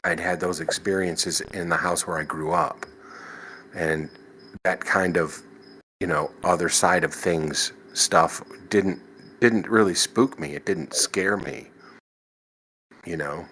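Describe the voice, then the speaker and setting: Speaking slowly in a low-pitched, sharp voice with fairly even intonation, a man on a podcast tells of his paranormal experiences in a casual, rambling way. He restarts sentences, keeps saying "you know," and chuckles occasionally, on a rough recording with slight background noise.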